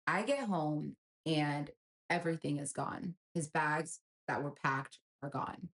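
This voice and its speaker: Young woman, low-pitched, earnestly telling her own heartbreak story. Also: slow, a bit bright. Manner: earnest, emotional retelling. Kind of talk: personal storytime.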